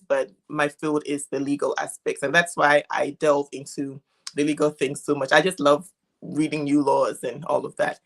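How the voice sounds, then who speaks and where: A woman's voice: low-pitched, a bit bright. A middle-aged woman from Ghana, a legal interpreter explaining things as a guest on a live video call. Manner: explanatory, unhurried with frequent restarts. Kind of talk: casual interview. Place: home in Germany.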